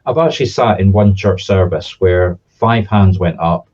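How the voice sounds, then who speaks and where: Low, mellow Southern Scottish man, slightly muffled. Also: moderate pace. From Scotland. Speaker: spiritualist medium and teacher. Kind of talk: informal explanatory talk.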